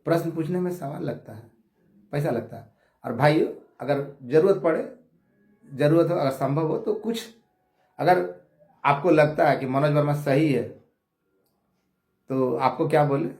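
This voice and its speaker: A man giving a heated monologue from his home prayer room, combative, insulting his rivals and swinging between shouting and low muttering. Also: unhurried, gravelly, long pauses, roomy sound. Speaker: online commentator appealing to viewers.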